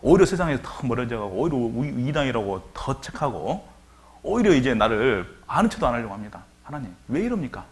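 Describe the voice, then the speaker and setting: A man preaching as pastor retells scripture dramatically and poses rhetorical questions to the congregation. His medium-pitched voice is very animated and brisk.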